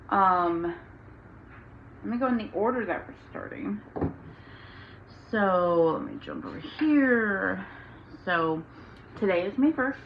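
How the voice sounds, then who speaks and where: A woman's voice: mid-range voice, highs cut off, slight background noise. A tired, out-of-breath young woman chatting casually to camera about her cross-stitch projects, rambling with many ums. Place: home room with windows open.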